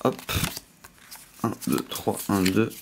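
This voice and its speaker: A man's voice: lowish voice, slow pace, creaky, noisy background. Chatty man with a slight lisp. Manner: excitable, chatty, exclaiming. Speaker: host of a card pack opening video. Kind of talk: casual unboxing commentary.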